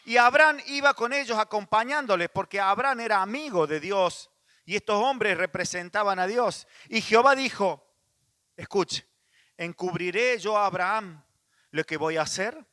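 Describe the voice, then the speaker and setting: Bright-voiced Rioplatense pastor preaching. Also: male voice, sits high, normal speed, dry recording. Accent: Rioplatense Spanish. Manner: conversational preaching, frequent restarts and asides. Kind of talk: sermon.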